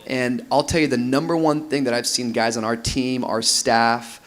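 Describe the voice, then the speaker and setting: Pastor, male, 30s, lively panel speaker, medium pitch. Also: normal speed, soft background music. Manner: animated, laughs while mimicking couples. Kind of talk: conference panel talk. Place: large room with audience on stage.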